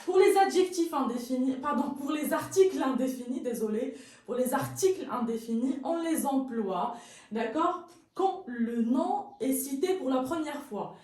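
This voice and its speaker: Recorded in a very echoey room from a distant mic, this woman's high-pitched, animated voice has a darkish tone and moderate pace. She patiently repeats each word while teaching French grammar to learners, frequently correcting herself with a pardon.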